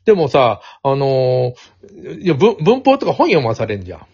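A man's voice: medium pitch, wildly swooping pitch, moderate pace, darkish tone. A man hosting a casual podcast chat, rambling and laughing often as he talks. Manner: rambling, chatty, laughs often, mixes standard and Kansai speech. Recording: dull lo-fi sound.

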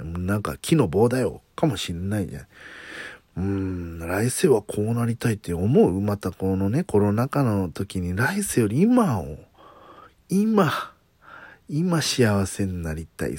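A man talks alone into a close, dry mic for his own casual talk show. His voice sits on the low side but swings widely up and down as he muses aloud and asks his listeners questions. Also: sing-song, measured pace, a little mellow, slightly rough, no room sound. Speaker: podcast host. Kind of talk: casual solo talk radio.

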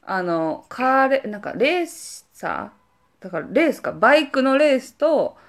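Lively young woman storyteller. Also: high voice, normal speed. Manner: animated, acts out quoted voices. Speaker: podcast co-host. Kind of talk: casual storytelling chat.

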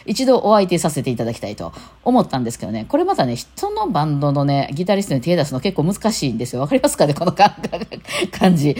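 Rapid-fire Kansai woman chatting solo. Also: deep voice, dark tone. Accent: Kansai Japanese. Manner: rapid-fire chatty talk with many fillers. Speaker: host of a solo audio talk show. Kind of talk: casual solo monologue.

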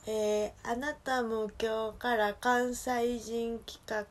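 A woman from Osaka speaking with a Kansai accent, chatting casually alone in a relaxed, rambling way that keeps correcting itself. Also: a little high, takes it slowly, background noise. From Osaka, Japan. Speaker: solo podcast talker. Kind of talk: casual solo chat.

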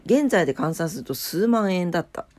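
Low, mellow, nasal woman. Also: animated, brisk, slight background noise. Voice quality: nasal, stuffed-nose voice. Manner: drowsy, unpolished. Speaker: host of a daily morning weather and today-in-history show. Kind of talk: casual chat mixed with reading weather and trivia notes.

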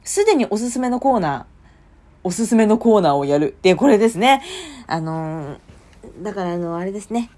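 A young woman hosting a casual solo podcast late at night, chatty and lively, often bursting into a louder voice. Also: mid-range voice, a little fast. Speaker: podcast host. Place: home at night.

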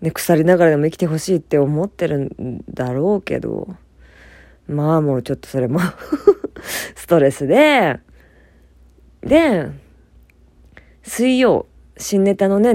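A woman's voice: lowish voice, a little mellow, no room sound. A young woman from Fukuoka hosting a casual solo talk, chatty and self-deprecating, laughing often as she speaks. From Fukuoka, Japan. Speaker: podcast host.

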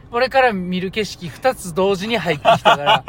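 A man's voice: sits high, animated, normal speed. A young man with a Kansai accent co-hosting a casual podcast chat, teasing and laughing often. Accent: Kansai Japanese. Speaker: podcast co-host.

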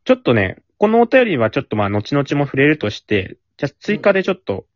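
A man's voice: medium pitch, very animated, quick pace, no echo, highs cut off. A man hosting a casual chat podcast, reading listener letters aloud and teasing his co-hosts. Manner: teasing, reads letters aloud with playful emphasis.

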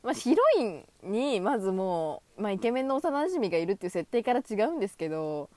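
A young woman in her twenties rambles alone into a close mic, her voice swooping up and down as she acts out little imagined exchanges. She laughs at herself often and keeps an excited, self-mocking energy. The sound is dry, with no room echo. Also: quick pace. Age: 20s. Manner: animated, high-energy, acts out imagined dialogue; self-deprecating, giggly. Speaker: solo talk podcaster. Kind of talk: casual solo monologue.

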